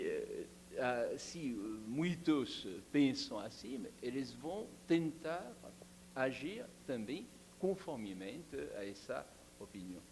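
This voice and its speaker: A man from the audience asking a long, careful question at an academic seminar, with many pauses and fillers. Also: a little high, a little mellow, slight background noise. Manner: slow, deliberate, with frequent hesitations. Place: seminar hall.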